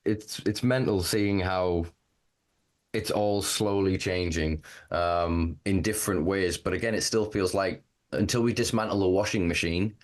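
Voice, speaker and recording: A man's voice: sits low, steady tone, a little slow. A man with a neutralized northern English accent, in casual podcast chat, swearing freely and ranting. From Northern England. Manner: swears freely, mocking impressions.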